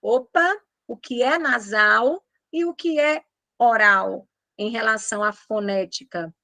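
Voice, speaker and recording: A woman's voice: a little high, sharp tone, dry recording. A Brazilian woman teaching Portuguese in an online exam-prep lesson, emphatic, drawing out her example words.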